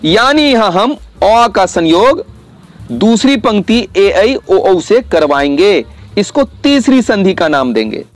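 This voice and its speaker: A man teaching grammar in a video lesson, explaining deliberately and drawing out vowel sounds for his pupils. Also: high-pitched, sing-song, soft background music. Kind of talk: classroom-style video lesson.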